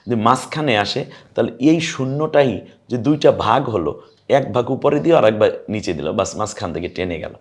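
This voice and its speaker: A man's voice: mid-range voice, expressive. A man teaching Quran letter reading in a recorded online lesson, patiently naming letters one by one and asking viewers to answer. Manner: patient, repeats letter names slowly; addresses viewers directly, asks them to answer.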